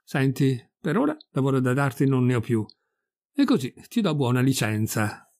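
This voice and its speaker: A man's voice: medium pitch, big pitch swings, moderate pace, a little mellow. A man voicing a pompous older village priest who gives orders in a bossy, fussy way. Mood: annoyed.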